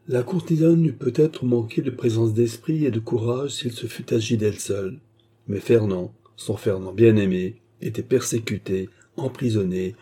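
A man reading a novel aloud as scripted narration, with a steady literary delivery and a shift in voice for each character. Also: on the low side, husky. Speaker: audiobook reader.

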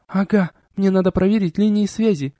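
A man voicing a quick-tempered young woman raised in an orphanage, in a raised, shrill voice for an audiobook. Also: warm tone, no room sound, studio quality, close to an everyday voice. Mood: bewildered. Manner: high shrill voice, swinging from bewildered to screaming.

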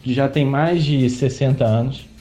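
Mellow and medium-pitched, this man speaks at a moderate pace. He's a Brazilian podcast host sharing a personal story as a casual monologue, in a chatty, indignant way with many fillers.

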